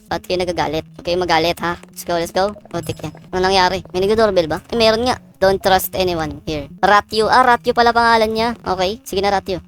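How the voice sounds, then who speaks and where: A woman giving chatty, excitable gameplay commentary, repeating words quickly when things get hectic. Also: medium pitch. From Philippines. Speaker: gaming YouTuber. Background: background music.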